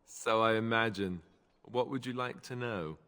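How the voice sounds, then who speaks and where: The game's earnest young knightly warrior explains things steadily and with self-deprecation, sounding sincere. His clean-toned voice is fairly low and forward with a bright edge. A long reverb hangs in the air around him.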